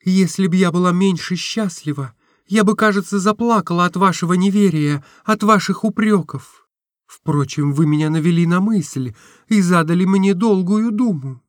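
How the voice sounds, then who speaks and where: A man's voice: high-pitched, normal speed, dry recording, studio quality, voice pushed up, lightly acted. A man voicing an impulsive, lovestruck young woman in a storybook reading, with breathless, emotional exclamations. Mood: earnest. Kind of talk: audiobook reading.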